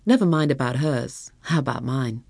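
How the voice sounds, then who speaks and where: A woman's voice: extremely low pitch, animated, moderate pace, gravelly, a little mellow, breathy edge, no echo, exaggerated voice. A woman voicing a careless, flippant young heiress in her twenties, in an audiobook reading, in a dry, close recording. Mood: teasing. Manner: flippant, teasing.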